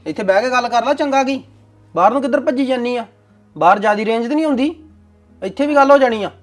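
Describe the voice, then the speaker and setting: A man's voice: very high-pitched, quick pace, faint music behind. A young man with a Punjabi accent acting a bossy, commanding husband in a domestic drama. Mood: stern.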